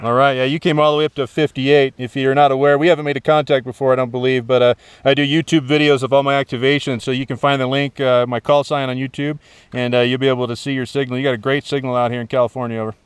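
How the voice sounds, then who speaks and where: An amateur radio operator making contacts outdoors on a rocky summit reads out call signs phonetically, repeating letters and numbers for clarity. His mid-range voice is smooth and fast with a flat delivery. There's no room sound.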